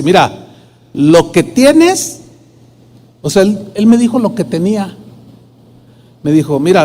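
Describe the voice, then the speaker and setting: Man, pastor, sermon testimony, high voice, reverberant church hall. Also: a little mellow. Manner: storytelling, acts out dialogue in quoted voices.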